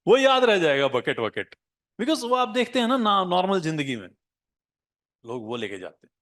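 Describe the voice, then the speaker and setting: Hindi-English mixing male teacher, higher voice. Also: sing-song, moderate pace, a bit bright. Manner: mixes Hindi with English phrases; coaching, asks "है ना?" to check in. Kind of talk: live class lecture.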